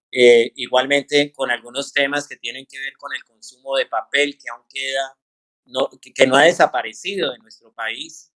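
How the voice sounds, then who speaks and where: Colombian guy, scientist, talks it through calmly, lots of little pauses, mid-pitched voice. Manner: measured, explanatory, with frequent filler pauses. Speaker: guest scientist. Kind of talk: interview answers.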